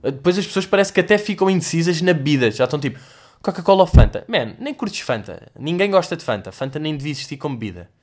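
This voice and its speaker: A young man from Portugal with a European Portuguese accent hosts a comedic vlog, answering viewer questions in a casual, profanity-heavy monologue. His voice runs on the high side, fast and with few pauses. He swears a lot and tells stories animatedly, using mock voices and sound effects.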